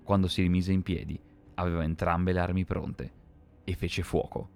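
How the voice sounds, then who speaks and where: A man reading a dark fantasy story aloud in a measured, dramatic scripted narration. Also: low-pitched, level tone.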